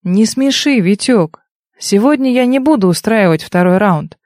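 A woman's voice: medium pitch, animated, moderate pace, a little mellow, dry recording, clean studio sound, close to an everyday voice. A woman voicing a smug young man who talks down to others with sneering condescension in an audiobook. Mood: mocking. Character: smug mocking young man, old rival.

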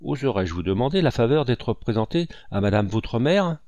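A man's voice: medium pitch, lively intonation, normal speed, a little mellow, no room sound, lo-fi sound, close to an everyday voice. A man reading an audiobook and voicing an impulsive, effusive old colonel with emphatic exclamations.

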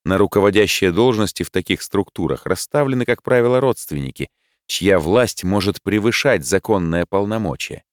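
A man narrating a first-person novel in a wry, expressive way. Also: sits low, normal speed, dry recording, clean studio sound. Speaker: audiobook narrator.

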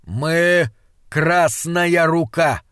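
Spectral rider chief, cold as the grave, slow and measured, read by a man; dry, close sound. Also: fairly high pitch, clear, resonant tone, dry recording. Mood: cold menace. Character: cold, menacing spectral male rider leader.

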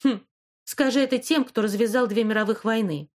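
A woman's voice: on the high side, brisk, a little mellow, natural voice. A woman reading an audiobook, voicing a rebellious, distraught teenage girl who turns defiant, then desperate. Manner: sulky, then desperate and sobbing. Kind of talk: audiobook character voice.

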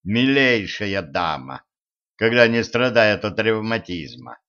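A man's voice: lowish voice, very animated, takes it slowly, bright, forceful tone, heavily acted. A man voicing an old, world-weary sorcerer-villain with dry, sarcastic drawling remarks, on a dull lo-fi recording. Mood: wry.

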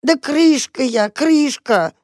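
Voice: medium pitch, moderate pace, a little mellow, no room sound, clean studio sound, pitched above the performer's own voice, lightly acted. A storyteller voicing a frightened, starving female cat who whines and pleads in a tearful voice. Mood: whining, pleading.

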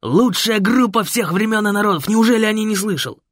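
A man's voice: sits high, brisk, a bit bright, no room sound, clean studio sound, voice pushed up. A male reader voicing Fred, a brash, jovial biker designer who talks in slang and bosses everyone around. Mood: boisterous. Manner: slangy, bossy and boisterous. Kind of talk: audiobook character voice.

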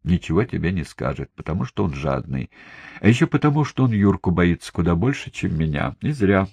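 A man reading an audiobook, voicing a burly male thug who taunts his captive in a slow, gruff drawl. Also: sits low, sing-song, a little mellow, no room sound, exaggerated voice. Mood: mocking. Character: menacing burly male knife-throwing thug, mocking.

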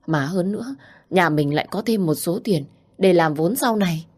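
A woman's voice: lowish voice, lively intonation, normal speed. A woman voicing a desperate middle-aged mother in debt, who pleads with her daughter in a tearful voice. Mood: coaxing.

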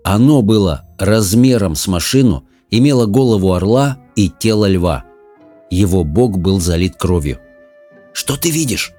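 A man reading an audiobook in an even, measured manner. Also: low voice, faint music behind. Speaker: narrator. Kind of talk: audiobook narration.

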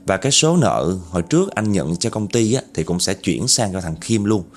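A Southern Vietnamese man tells a true story in a relaxed, conversational way, turning to his listeners now and then. His voice sits on the low side. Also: normal speed, a little hiss or hum. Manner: conversational, addresses listeners directly. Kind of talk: spoken true-story narration.

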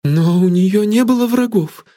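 Man doing a proud young woman, high and cold. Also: measured pace, warm tone. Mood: shocked, feverish. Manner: cool and scornful, rising to feverish alarm. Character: young woman, proud, cool, then shaken.

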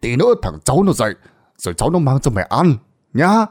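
A man voicing a fat, drunken middle-aged son who scolds his mother loudly and impatiently. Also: medium pitch, very animated, a little fast, slightly rough.

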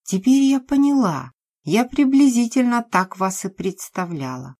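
A woman's voice: fairly low pitch, very animated, a little slow, warm tone, breathy edge, full character voice. Woman voicing a frightened, defiant young woman. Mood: tense defiant. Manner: trembling yet firm.

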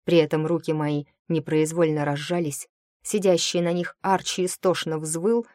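A woman narrating a first-person fantasy audiobook in a lively, expressive storytelling manner. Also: low-pitched, normal speed, no room sound, clean studio sound.

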